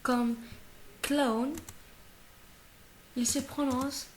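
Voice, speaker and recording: A woman teaching a language lesson with a fairly high voice. She talks very slowly and deliberately, saying each example word several times over and stopping often to check that her listener understands. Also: a little hiss or hum. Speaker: German teacher. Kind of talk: slow classroom-style language lesson.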